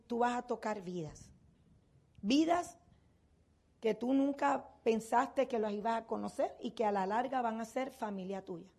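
A woman's voice: a little high, gravelly, a little mellow. An older woman giving a motivational seminar talk to a business audience. She asks rhetorical questions and then answers them herself.

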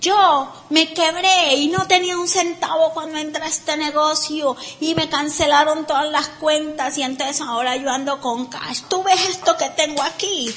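A loud, boastful male motivational speaker, as a woman puts him on, bragging and pleading over a crowd. The voice sits high and pushes hard, a little off from the mic. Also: fairly even intonation, normal speed, few pauses.

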